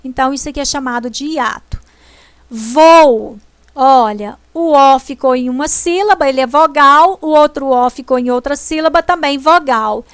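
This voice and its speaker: A woman teacher, explaining a grammar lesson slowly and deliberately, stressing syllables as she goes. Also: high-pitched, dry recording. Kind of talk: slow classroom explanation.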